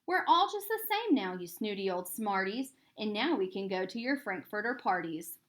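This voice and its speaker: A woman voicing a proud, excitable, snooty storybook creature who declares things emphatically. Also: mid-range voice, normal speed. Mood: gloating. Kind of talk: storybook character voice.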